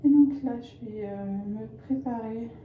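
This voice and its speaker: A young woman from the Paris area, a student vlogging her week in a casual, rambling way, pausing often with fillers. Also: on the high side, echoey room, phone-quality sound, slight background noise. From Paris area, France. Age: young adult. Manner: chatty, rambling, hesitant with frequent fillers. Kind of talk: casual vlog narration.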